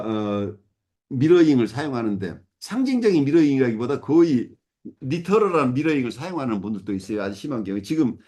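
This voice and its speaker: A man's voice: fairly high pitch, a little mellow. A middle-aged man supervising a case, explaining step by step with many fillers and self-corrections. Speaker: psychoanalysis supervisor. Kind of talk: explanatory teaching talk.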